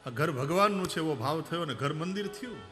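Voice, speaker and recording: On the high side and fairly quick, this man tells anecdotes in an animated devotional sermon with soft music behind him. He performs the voices he quotes and sings verses.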